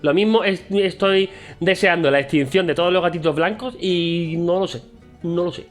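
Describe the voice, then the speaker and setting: A man from Spain with a Spain Spanish accent talks straight to camera in a loose, chatty vlog. His voice sits high for a man, and his tone is playful and self-mocking. Faint guitar music plays behind him. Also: moderate pace. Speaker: vlogger. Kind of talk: casual chat to camera.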